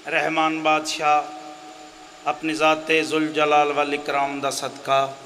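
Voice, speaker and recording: Slow man chanting invocations. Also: a little high, monotone, bright, forceful tone, a little hiss or hum. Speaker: zakir at a mourning gathering. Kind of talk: religious recitation and invocation.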